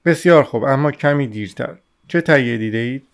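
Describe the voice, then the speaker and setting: A man's voice: mid-range voice, vocal fry, close to an everyday voice. A man voicing a languid, offhand male doctor in an audiobook reading. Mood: languid calm. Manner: languid, offhand, matter-of-fact. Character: Zosimov, languid self-assured male doctor.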